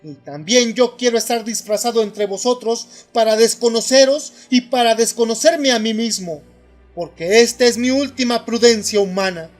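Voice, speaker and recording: A man narrating an audiobook of philosophy in a measured, solemn first-person telling. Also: very high-pitched, faint music behind.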